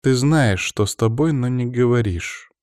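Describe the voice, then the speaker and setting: A man reading an audiobook, voicing a caring, teasing woman who speaks softly and tenderly to her partner. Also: medium pitch, measured pace, smooth, no room sound, clean studio sound, voice pushed up, natural voice. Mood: worried.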